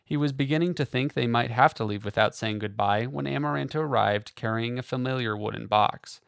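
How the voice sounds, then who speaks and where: A man narrates a fantasy novel in a steady, measured reading voice. His tone is gravelly and sits at a middle pitch. The sound is dry and close. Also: no echo. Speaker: audiobook narrator.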